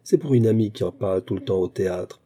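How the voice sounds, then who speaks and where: A man's voice: sits low, fast, dark tone, husky. A man reading the part of a sly, calculating young actress in an audiobook, with a chirpy, coaxing manner.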